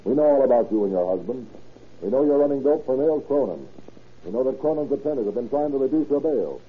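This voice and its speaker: Hard-boiled 1930s police captain, tinny recording. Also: male voice, mid-range voice, lively intonation, quick pace, slightly rough. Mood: pressing, sardonic. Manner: clipped, tough 1930s cop talk. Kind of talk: 1930s radio crime drama acting. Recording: tinny, noisy old radio recording.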